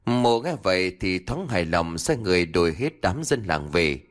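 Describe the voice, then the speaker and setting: A man narrating a ghost story in a dramatic, expressive way. His voice sits low and rises and falls freely. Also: normal speed.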